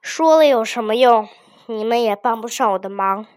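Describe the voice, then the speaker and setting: A woman voicing an old father-in-law in a folk tale, speaking low and weary. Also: moderate pace, darkish tone, natural voice. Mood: gloomy. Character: clever old father-in-law, worried then proud.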